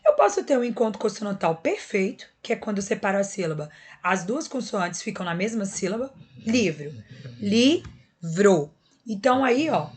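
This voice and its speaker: A woman teaches a lesson at a middle pitch. She breaks each point into small steps and keeps checking that her students are following. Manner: patient, step-by-step explaining, checking in often with listeners. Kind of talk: recorded classroom lesson.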